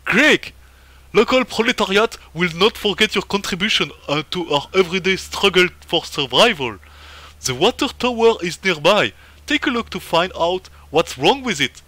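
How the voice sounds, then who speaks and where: A pompous middle-aged village official, as a man puts him on booms in a high, bright, forceful voice with a thick fake Russian accent. He speechifies grandly and calls everyone comrade. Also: animated, unhurried, no echo, heavily acted. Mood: grandiose. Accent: put-on Russian accent in English. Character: pompous Soviet-style village official, man around fifty.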